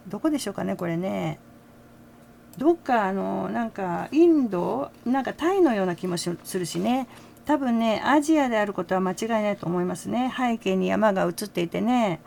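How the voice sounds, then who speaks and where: A woman's voice: mid-range voice, gravelly, a little mellow, slight background noise. An older woman hosting a fan channel, chatting casually with frequent little laughs and tag words. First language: Japanese. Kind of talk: casual commentary to camera.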